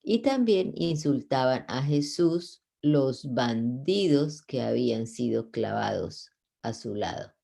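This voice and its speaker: Man with a gravelly voice reading scripture. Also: mid-range voice, expressive, slow, warm tone. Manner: unpolished reading with slips and self-corrections. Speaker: Bible reader.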